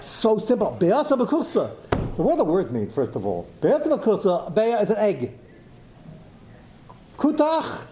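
A man's voice: high voice, dark tone, a little hiss or hum. A man giving an informal Talmud lecture, explaining with rhetorical questions and asides and mixing Yiddish and Hebrew terms into his English. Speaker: rabbi teaching a Talmud class.

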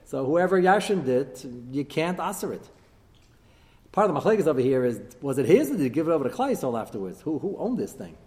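Higher-pitched male voice, Talmud lecture, rhetorical questions, Hebrew terms mixed in, hall reverb. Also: very animated, quick pace, darkish tone. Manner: question-and-answer teaching, weaving Hebrew terms into English. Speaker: rabbi giving a Torah class. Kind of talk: religious lecture, Talmud discourse. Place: large echoing room with listeners present.

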